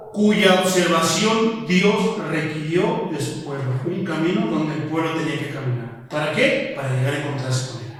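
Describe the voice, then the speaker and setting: A Mexican pastor with a high voice preaches emphatically, pressing his listeners with one rhetorical question after another. He sounds distant from the mic, and his voice rings through a long, echoing reverb in a church hall. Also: fairly bright tone. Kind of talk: sermon. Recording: echoey hall from far off.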